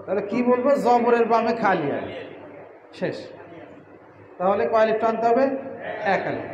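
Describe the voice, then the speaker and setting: A man's voice: high voice, lively intonation, normal speed, roomy sound, long reverb tail, highs cut off, a little hiss or hum. A man teaching Quran reading in a mosque class, drilling letter sounds and stretching syllables in a chanting recitation.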